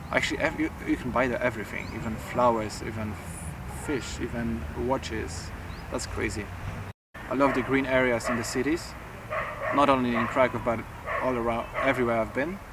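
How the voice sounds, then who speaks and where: A man from southern Poland with a Polish accent, a photographer talking haltingly in an interview, often restarting words. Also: medium pitch, fairly even intonation. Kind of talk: interview talk. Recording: distant mic with clear background noise.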